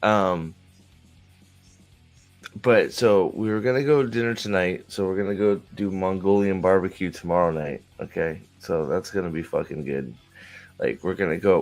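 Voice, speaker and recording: A man in his forties chatting casually on a livestream, joking around and rambling with lots of restarts and fillers. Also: on the low side. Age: 40s. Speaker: streamer. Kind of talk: casual chat.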